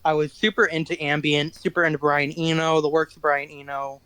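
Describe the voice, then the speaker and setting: A man's voice: on the high side, flat delivery, brisk, bright, forceful tone, clear, resonant tone. A teenage boy, guest musician in an interview, telling rambling self-deprecating stories in casual chat. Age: teens.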